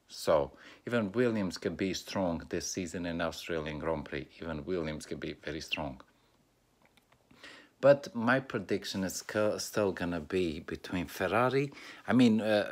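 A man from North Macedonia with an Albanian accent, talking casually and haltingly, with many fillers and restarts. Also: low-pitched. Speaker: YouTuber. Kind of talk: casual race preview monologue.

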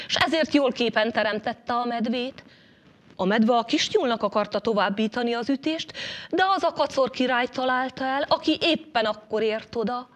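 Female storyteller, animated folk tale narration, slightly high voice. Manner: lively, shifting pitch and loudness with the action.

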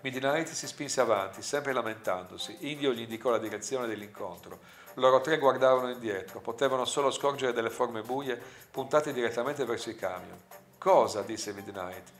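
A man narrating and reading a story aloud, breaking off for slow, reflective asides with hesitant fillers. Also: medium pitch, faint music behind. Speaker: narrator and reader. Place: room with a director in front of him.

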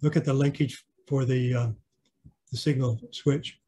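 A man's voice: mid-range voice, fairly even intonation, a little slow, dark tone, breathy edge. A man giving a casual online slideshow clinic about his model railroad, rambling with fillers and restarts. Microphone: video call.

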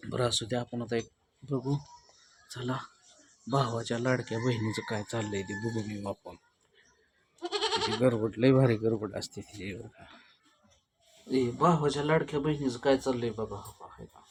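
A man's voice: medium pitch, sing-song, measured pace, long pauses, noisy background. A man, chatting casually and teasingly in a village vlog, recorded outdoors at home in the early morning. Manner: chatty, teasing, rustic Marathi. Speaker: village vlogger.

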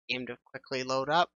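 A man giving relaxed, offhand commentary while playing a video game. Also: medium pitch, no echo, highs cut off. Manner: relaxed, offhand remarks with fillers. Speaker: gameplay streamer. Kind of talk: casual gameplay commentary.

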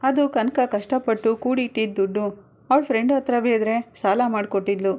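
A woman's voice: fairly high pitch, moderate pace, a little mellow, natural voice. A woman voicing a distraught young wife who has been robbed and cries over the lost money. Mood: tearful. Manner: sobbing complaint. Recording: dull lo-fi recording.

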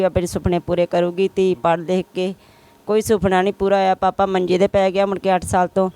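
A woman, the mother of the bride, answers a reporter's questions in an even, flat tone. Her voice is clear and smooth as she names the absent relatives one after another. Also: mid-range voice. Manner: lists missing relatives one by one. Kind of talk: emotional interview answers.

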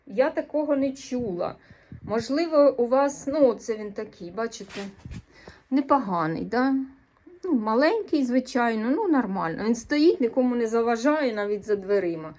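A woman's voice: fairly high pitch, warm tone, slight background noise. A woman from eastern Ukraine with a Sumy regional accent, chatting casually to camera in a vlog, rambling and correcting herself, earnest and a bit defensive. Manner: earnest and a little defensive when answering comments. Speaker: vlogger.

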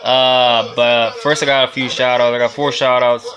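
A young man with a Puerto Rican accent, a reptile breeder and vlogger, films a casual how-to vlog on a phone held close at arm's length in an indoor reptile room lined with storage tubs. His mid-range voice barely changes pitch and moves at normal speed, and he rambles loosely, laughing and swearing, with crowd noise behind him.

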